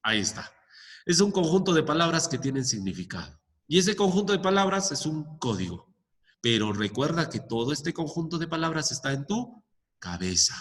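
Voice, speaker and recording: Brief: male teacher giving a lesson, animated delivery, reverberant room sound. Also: a little high, normal speed. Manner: checks in often with "¿ya?", explains step by step with examples. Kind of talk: explaining a lesson to students. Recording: long echoing reverb.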